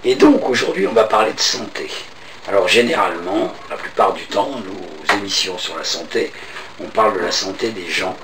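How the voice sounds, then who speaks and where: A man hosts a casual interview with a hoarse, cavernous, low voice. He is chatty and self-deprecating. The sound is roomy and distant, with clear noise behind him. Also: expressive, normal speed. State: hoarse, cavernous voice from lingering voice loss. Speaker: host of a health show. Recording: roomy echo, off-mic, clearly noisy.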